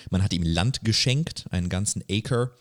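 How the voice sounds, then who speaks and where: A podcast co-host with a deep voice recounts a story in a relaxed, conversational way, speaking at a normal pace. His wording is slangy and tentative, sprinkled with English words. The recording is dry, with hardly any room sound and no echo.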